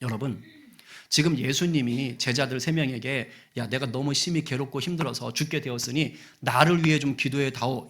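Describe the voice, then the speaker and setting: A man, the senior pastor, preaching a sermon with animation, acting out people's prayers and dropping to hushed asides. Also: mid-range voice.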